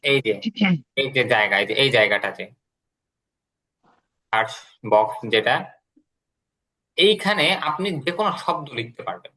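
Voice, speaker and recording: A man's voice: mid-range voice, very animated, moderate pace, long pauses, sharp tone. A man teaching English vocabulary and pronunciation in an online class, explaining step by step and repeating his pointing phrases.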